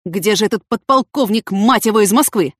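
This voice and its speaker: A woman voicing a gruff, commanding male police major who barks orders. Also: mid-range voice, a little fast, no echo, studio quality, voice pushed up, lightly acted.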